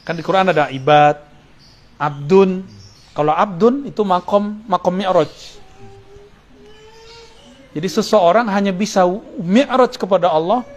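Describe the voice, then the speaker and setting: A man with a fairly high speaking voice teaches a Sufi study circle. He explains Arabic terms one by one, recites short prayers and breaks off for jokes with his listeners. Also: a little slow, long pauses. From Indonesia. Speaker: Islamic preacher.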